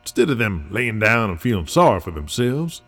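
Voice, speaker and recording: Husky gruff wrestling veteran, folksy, animated, voiced by a man. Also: lowish voice, moderate pace, full character voice. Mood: rousing. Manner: rousing, folksy, determined. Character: gruff male veteran wrestling legend, rallying.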